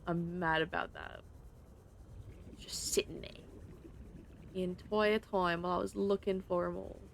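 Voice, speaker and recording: Gravelly-voiced woman streamer muttering while playing. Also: lowish voice, little pitch movement, moderate pace, a little hiss or hum. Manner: talks to herself, frustrated, swears a lot. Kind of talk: casual gaming commentary.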